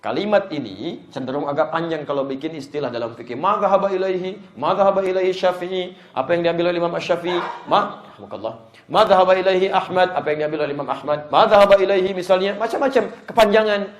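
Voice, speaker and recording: A man preaching an Islamic lecture to a live congregation, lively and joking as he speaks to the audience directly. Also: sits high, fast. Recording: echoey room.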